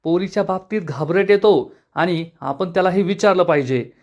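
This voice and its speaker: A practical young sister-in-law talks through her plan, voiced by a man telling a TV serial story. The voice stays high and plain, like the storyteller's own. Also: moderate pace. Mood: plotting.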